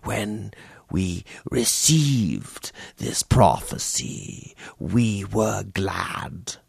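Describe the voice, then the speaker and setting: A male audiobook narrator voicing an old fanatical sorcerer priest who speaks low and breathless, in a whispery, gravelly way. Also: expressive, drawn-out words, a little mellow, no room sound, heavily acted. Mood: chanting prophecy. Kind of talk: audiobook character reading.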